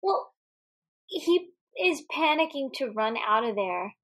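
A woman co-hosting a podcast in casual film chat, animated, laughing often and swearing freely. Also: high voice, slow. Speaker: podcast co-host. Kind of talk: casual movie discussion.

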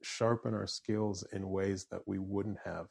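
A relaxed Canadian man in his forties with a fairly neutral accent and a lowish voice. He chats easily as an interview guest, often restarting a phrase before finishing his thought. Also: a little slow, gravelly, slightly rough. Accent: fairly neutral Canadian English. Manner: easygoing, restarts phrases while thinking. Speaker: musician and voiceover artist guest. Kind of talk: casual interview chat.

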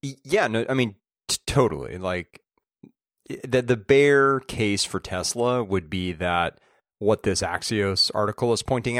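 Easygoing low-voiced man. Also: fairly bright tone, no room sound, clean studio sound. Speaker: podcast co-host. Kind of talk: casual podcast chat.

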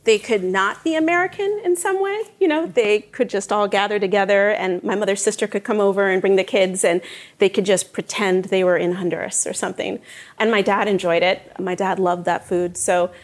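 A woman's voice: medium pitch, fairly quick. A middle-aged woman from New Jersey, a cookbook author, talking candidly in a casual onstage conversation and laughing often. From northern New Jersey.

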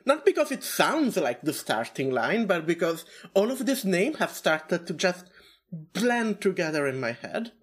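A woman co-hosting a laid-back podcast. She rambles, loses her thread, and swears casually. Her pitch rises and falls a great deal. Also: very animated, a little slow, slightly rough. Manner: rambling, frequent fillers and restarts, swearing. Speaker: podcast co-host.

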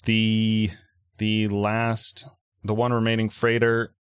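A man with a low voice narrates a tabletop game as game master. He pieces the scene together haltingly, and the sound is dry and close. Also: monotone, smooth, no echo. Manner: halting, hesitant delivery.

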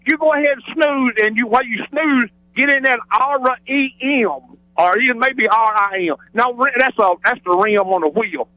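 A regular caller to a radio phone-in, this man has a Southern US accent and rambles in an exuberant, digressive, folksy-showman way. His very high voice is bright and forceful at a moderate pace. The radio broadcast call comes through a telephone and sounds dry.

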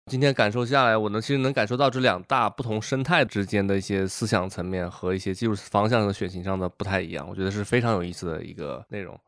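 A man hosting a podcast, wrapping up with brisk, announcer-like delivery of notices and sign-offs. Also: lowish voice, dry recording, studio quality. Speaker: podcast host. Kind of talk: podcast sign-off and scripted disclaimer.

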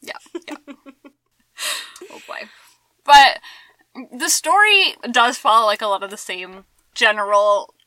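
A woman's voice: a little high, big pitch swings, takes it slowly, pauses often, sharp tone, no echo. A young adult woman co-hosting a podcast, wry and giggly, with a slight lisp from dental aligners. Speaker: podcast co-host. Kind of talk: casual sarcastic chat.

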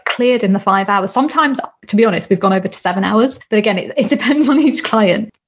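A woman's voice: medium pitch, fast talker, slightly rough. A British woman in her thirties, a guest and healing coach, talking earnestly in a casual interview and repeating her points with emphasis. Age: 30s. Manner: earnest, emphatic, repeats phrases, laughs often.

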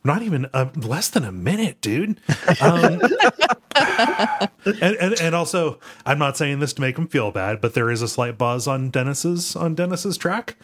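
A man's voice: on the high side, normal speed. A man hosting a podcast in casual, joking chat, often stumbling and repeating words, with a cavern-like echo from an untreated room. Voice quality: echoey, cavern-like room sound. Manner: joking, animated, stammering repetitions. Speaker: podcast host. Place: freshly painted room without soundproofing.

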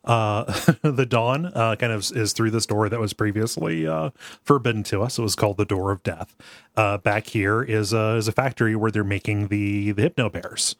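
A man's voice: lowish voice, moderate pace, no echo. A man co-hosting a show, casually recapping a game story in an amused way, often chuckling. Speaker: co-host of a video game discussion show.

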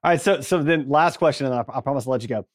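A man's voice: mid-range voice, rapid-fire, no echo, studio quality. A man hosting a podcast interview, affirming his guest and stammering slightly. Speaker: podcast host.

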